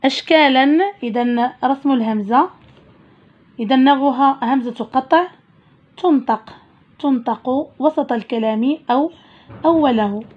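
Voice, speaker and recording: A woman teaching a primary school Arabic lesson, explaining slowly step by step and asking questions. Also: sits high. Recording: dull lo-fi recording.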